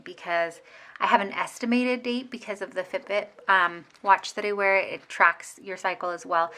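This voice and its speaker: A woman's voice: fairly low pitch, bright, forceful tone. A woman in her thirties chatting casually as she sets up her planner at home, rambling with fillers and restarts. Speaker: planner vlogger. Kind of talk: casual plan-with-me narration.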